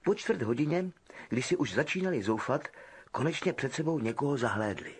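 Husky, animated male storyteller. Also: medium pitch. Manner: expressive storytelling. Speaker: audiobook narrator. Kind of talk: scripted narration.

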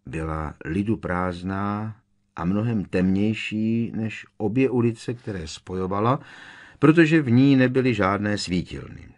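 A man narrating an audiobook in a measured storytelling way, giving each character his own voice. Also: lowish voice, darkish tone.

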